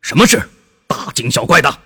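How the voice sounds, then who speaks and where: A stern, quick-tempered commander, as a male storyteller acts him out, barks his words in a husky voice. His pitch jumps about lively with impatience. A storybook figure of authority. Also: long reverb tail, exaggerated voice. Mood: stern, agitated. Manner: barking, exclamatory. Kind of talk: children's storybook acting.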